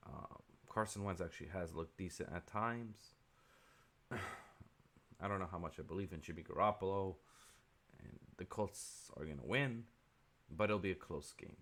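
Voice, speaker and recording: Man with a very low voice, offhand. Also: fairly bright tone. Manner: offhand, opinionated, with frequent ums and asides. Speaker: sports video host. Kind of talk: casual solo sports picks commentary.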